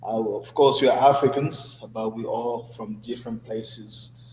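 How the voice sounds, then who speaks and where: A man in his twenties from the Democratic Republic of Congo, a guest in an interview, telling his story in a relaxed way with many fillers. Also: lowish voice, measured pace, roomy sound, in a large hall, slight background noise, low-quality recording. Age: 20s. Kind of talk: conversational interview.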